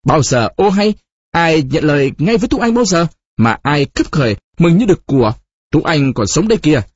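A husky-voiced man voicing a tearful, bitter young woman who accuses her lover in an audiobook. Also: mid-range voice, very animated, normal speed, no echo, lo-fi sound. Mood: bitter scorn. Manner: sobbing, accusing, sharp. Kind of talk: audiobook character reading.

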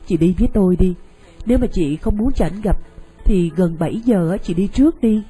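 An actress, who gently coaxes and urges. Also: female voice, medium pitch, brisk, breathy edge, soft background music, low-quality recording. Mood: coaxing. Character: kind, persuasive woman friend, coaxing. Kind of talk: radio drama acting.

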